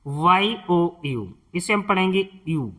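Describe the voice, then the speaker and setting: A man's voice: sits high, very animated, takes it slowly, sharp tone. A man teaching beginners, spelling out words letter by letter and patiently asking the listener questions. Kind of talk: spoken English lesson for beginners.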